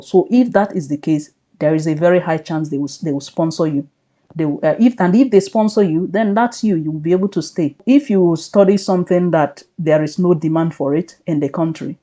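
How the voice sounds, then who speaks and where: A vlogger with a warm, mid-range voice offers casual, reassuring advice on living and studying in the UK. The adult speaker explains things step by step in a conversational way.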